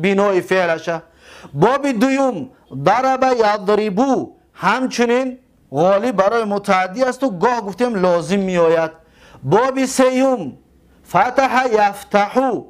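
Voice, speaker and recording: Man, high voice, teacher, drawn-out repeated word forms, patient grammar lesson.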